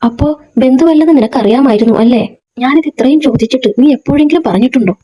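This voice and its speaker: A woman's voice: high-pitched, fast, dark tone, husky. A woman reading a curt, jealous young woman. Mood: angry.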